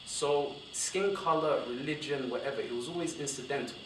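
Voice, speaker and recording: A young man speaks on a university panel in a discursive, animated way, circling back and correcting himself as he goes. His mid-range voice is picked up from across a roomy lecture hall with a steady hiss of noise underneath. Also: mid-range voice, moderate pace, far from the mic. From born in Somalia, raised in West London. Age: young adult.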